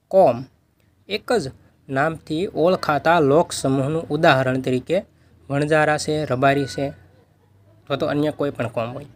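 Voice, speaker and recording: A man, working as a tutor, reading vocabulary words and their meanings aloud in a steady list. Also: mid-range voice.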